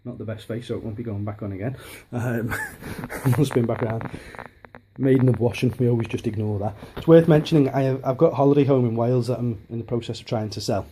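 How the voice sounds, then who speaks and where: A hobbyist vlogger in his thirties from Liverpool, England, chats casually in his dining room, filmed on a handheld camera. His softened Liverpool accent, medium pitch and fast pace come with lots of rambling, restarts and ums, over a noisy background.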